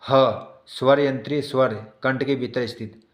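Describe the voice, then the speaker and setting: Male teacher, mid-pitch, patient repeating style, checks in often; echoey room. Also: steady tone, moderate pace. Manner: explains by repeating definitions, checks in with "है ना". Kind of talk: exam prep lesson.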